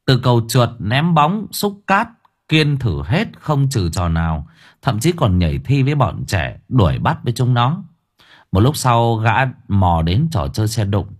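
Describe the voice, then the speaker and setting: A man narrating an audiobook story in a lively, animated way. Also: medium pitch, unhurried.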